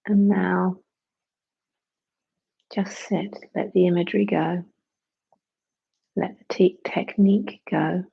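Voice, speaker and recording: Meditation guide: mid-pitched, heavily creaky and breathy, hushed delivery, slightly muffled recording. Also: fairly even intonation. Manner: hushed, unhurried instruction with long pauses.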